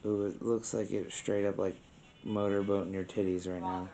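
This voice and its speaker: A man on a paranormal investigation, asking spirits questions aloud in a hushed, casual way. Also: on the low side, little pitch movement, moderate pace. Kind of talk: casual ghost-hunting session. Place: old former brothel building, indoors.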